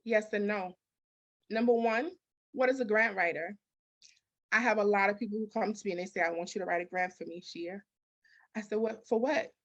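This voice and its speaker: The recording is lo-fi, and the woman speaks fairly quickly in a medium pitch, with long pauses. As a guest expert on business consulting and grants in a conversational interview, she's emphatic, fires off rhetorical questions, and acts out dialogue.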